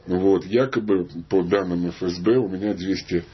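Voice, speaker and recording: A man's voice: sits low, normal speed, breathy edge. A man speaking as a guest on a radio talk show, with a dry, wry manner. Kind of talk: radio studio conversation. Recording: dull lo-fi radio broadcast.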